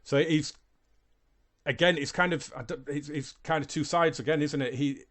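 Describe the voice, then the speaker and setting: A man's voice: fairly high pitch, steady tone, normal speed, a bit bright. Hesitant man reacting to a video. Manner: hesitant, repeats words, thinks aloud. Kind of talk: casual reaction commentary.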